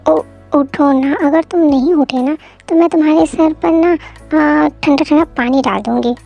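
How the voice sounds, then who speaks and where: Brief: woman plays clingy newlywed wife, pleading and teasing, audio drama, high-pitched. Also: unhurried, vocal fry, dark tone, faint music behind. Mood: whiny teasing. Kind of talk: Hindi fan audio drama.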